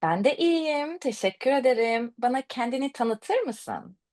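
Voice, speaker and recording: A woman's voice: high-pitched, animated, measured pace, a little mellow. A woman teaching and interviewing a language student in a friendly, encouraging chat. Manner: encouraging, often affirming the student.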